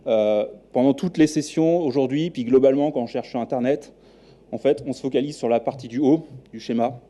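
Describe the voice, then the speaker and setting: A man in his thirties with a French accent, a software architect giving a live talk at a tech meetup, relaxed and hesitant with many fillers and restarts. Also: medium pitch, a little fast. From New Caledonia. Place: meetup room.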